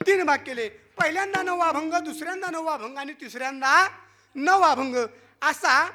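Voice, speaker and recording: A kirtan preacher with a very high, bright voice delivers a devotional discourse at normal speed in a forceful tone. He playfully teases and quizzes the crowd through call and response.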